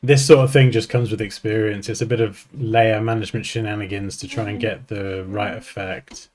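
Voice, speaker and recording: A man teaching design software, thinking aloud in a casual, joking way as he works. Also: fairly low pitch, steady tone, normal speed. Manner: chatty, thinks aloud, jokes at himself. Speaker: design tutor. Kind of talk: casual screen-recorded software tutorial.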